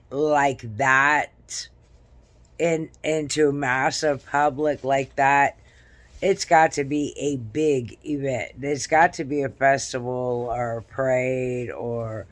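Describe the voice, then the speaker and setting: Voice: medium pitch, no room sound. A vlogger casually retelling a dream in a rambling, repetitive way, often checking in with "okay?" and "right?".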